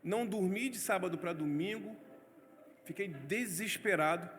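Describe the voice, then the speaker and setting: High-voiced Brazilian preacher in a hall. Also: male voice, normal speed, a little hiss or hum. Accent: Brazilian Portuguese. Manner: animated storyteller, swings from loud outbursts to hushed asides. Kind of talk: testimony sermon. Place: church hall. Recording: church hall reverb, faint music.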